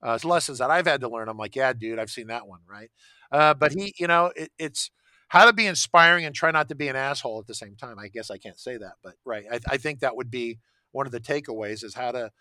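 A man with a bright, forceful voice talking casually, looping back to restart his sentences and tagging points with "right?". The sound is dry and close. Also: medium pitch, quick pace, no room sound. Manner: rambling, frequent restarts and "right?" tags. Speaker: podcast guest. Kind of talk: casual conversation.

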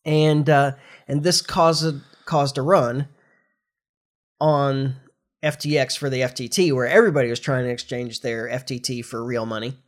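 Steady and medium-pitched, the congested host keeps a moderate pace. This middle-aged man, still nasal from a recent flu, chats informally on his podcast about the news.

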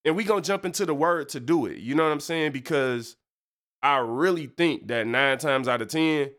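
Stuffed up with a cold, this young Michigan podcast host and preacher speaks at a normal pace in a somewhat high, bright voice. He keeps his faith show informal, drifting into slang, asides, and plenty of filler words.

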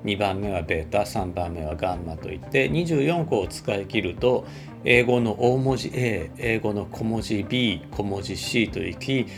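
Male computer scientist, low gravelly voice, measured explanatory delivery with fillers. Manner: measured, with frequent filler words. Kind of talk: explanatory talk.

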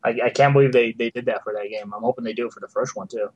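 A man's voice: mid-range voice, fairly even intonation, racing, dry recording, highs cut off. A man chatting casually as a panelist on a podcast. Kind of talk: casual chat.

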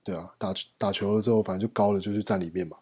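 A man's voice: lowish voice, fairly even intonation, rapid-fire, darkish tone, husky. A man from Taiwan with a Taiwanese Mandarin accent, chatting casually with friends as a guest. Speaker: podcast guest.

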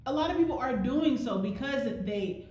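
A woman's voice: high-pitched, animated, moderate pace, darkish tone, very echoey, highs cut off. A woman co-hosting a casual podcast, talking bluntly and heatedly and swearing freely. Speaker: podcast co-host.

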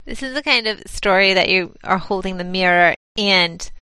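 A woman's voice: mid-range voice, moderate pace, sharp tone, clear, resonant tone, dry recording. A woman co-hosting a casual chat, reacting playfully to spooky stories. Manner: playful, easily amused listener.

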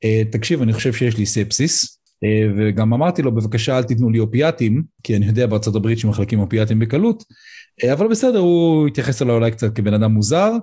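A middle-aged man, an emergency physician, speaking as a podcast guest and pausing often on "uh" fillers as he talks. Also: mid-range voice, dark tone. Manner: hesitant, frequent "uh" fillers. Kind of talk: podcast interview, personal account.

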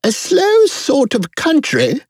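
A woman voicing a brisk, bossy chess-piece queen in a storybook reading, commanding and emphatic yet courteous. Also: high voice, wildly swooping pitch, a little mellow, no echo, clean studio sound, voice pushed up, heavily acted. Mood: imperious, brisk.

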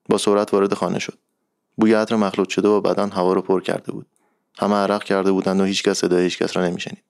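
A man narrating a literary short story in a calm, measured reading voice. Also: deep voice, no echo, clean studio sound.

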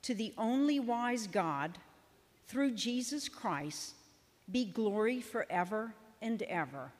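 A woman's voice: a little high, lively intonation. A woman giving a formal, solemn scripture reading as a lector, with long church reverb. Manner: measured, solemn. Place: large reverberant church interior.

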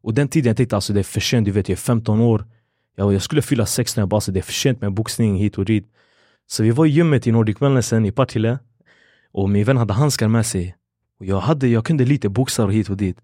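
A young man spins stories in a relaxed podcast chat, slipping into the voices of people he quotes. His voice sits low and mellow. The sound is close and dry, with no room around it. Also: dry recording. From Sweden. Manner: animated storyteller acting out quoted dialogue, fillers like "du vet". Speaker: MMA fighter, guest. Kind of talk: casual storytelling interview. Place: podcast studio.

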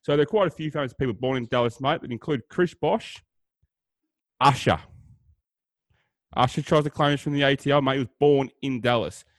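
Australian male co-host, mid-pitched, loose joking banter, dry close mic. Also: fairly quick, long pauses, dry recording. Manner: joking, rambling with fillers and "mate". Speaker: podcast co-host. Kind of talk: casual banter.

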